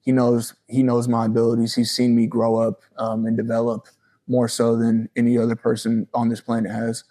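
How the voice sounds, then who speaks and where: A college football player in his early twenties gives a casual sports interview, earnest and respectful. His medium-pitched voice is dark in tone and monotone, at a normal speed.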